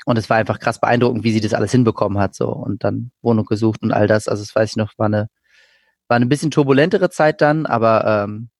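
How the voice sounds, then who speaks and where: A man's voice: on the low side, no room sound. Reflective man, dry close sound. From Germany (Berlin). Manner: reflective, hesitant, many fillers and restarts. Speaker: interview guest. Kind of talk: casual conversational interview.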